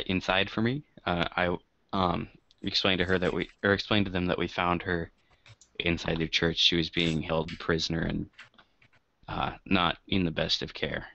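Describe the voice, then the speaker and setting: A man with a very deep, bright-toned voice plays in a tabletop game. He talks haltingly with many fillers. The recording sounds dull and lo-fi. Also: vocal fry, no echo. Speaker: player. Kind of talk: tabletop role-play.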